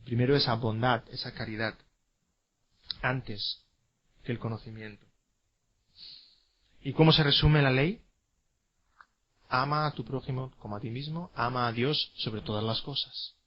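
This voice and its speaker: A man's voice: medium pitch, measured pace, pauses often, muffled recording. A man teaching a classroom lecture, emphatic, repeating key words and asking rhetorical questions.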